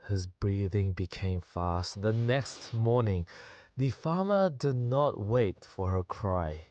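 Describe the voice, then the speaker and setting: A man narrating a story on a radio show, in a measured storytelling voice. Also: lowish voice, lively intonation, darkish tone, no room sound, lo-fi sound. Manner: measured narration, quick laughing chat. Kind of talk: scripted narration and casual chat.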